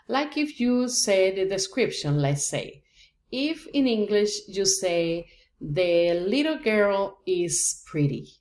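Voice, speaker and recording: A low-pitched woman, speaking slowly and deliberately. She teaches patiently, building up each point with simple examples. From Costa Rica. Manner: patient, explains step by step with examples. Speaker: Spanish teacher. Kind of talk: slow, deliberate language lesson.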